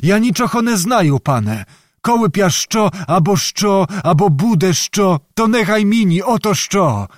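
A man's voice: sits high, big pitch swings, measured pace, no room sound, clean studio sound, pitched above the performer's own voice. A man voicing a frightened, evasive old male beggar who plays the lyre, pleading in a Ruthenian peasant dialect. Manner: whining, pleading peasant speech.

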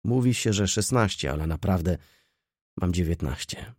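A man's voice: sits low, expressive, moderate pace, a little mellow, dry recording, clean studio sound. A man voicing a cynical, poor nineteen-year-old girl who talks in a pert, mocking, argumentative way. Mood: brash, chatty.

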